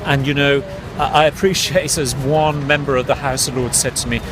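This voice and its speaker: A British consumer campaigner with a mid-range voice speaks earnestly and directly to camera at a moderate pace, with fairly even intonation. He's vlogging outdoors on a city street, and traffic noise can be heard.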